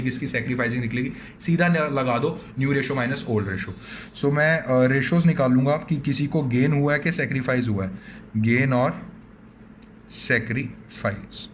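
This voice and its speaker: A male commerce teacher with an Indian accent walks students through an accountancy problem, his voice sitting a little high. He keeps putting their questions in his own mouth and then answering them. A faint hum runs under the recording. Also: fairly bright tone. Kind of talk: online accountancy lecture.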